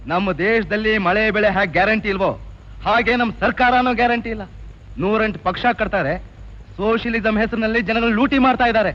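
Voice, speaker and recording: An actor playing a boastful, bossy local tough who lectures and orders others around. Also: male voice, high voice, fairly quick, a bit bright. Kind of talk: 1980s film dialogue. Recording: dull old film soundtrack with music.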